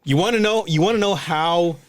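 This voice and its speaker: A man's voice: sits high, no echo. Rambling young man podcast host. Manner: rambling, halting restarts, many fillers. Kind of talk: casual chat.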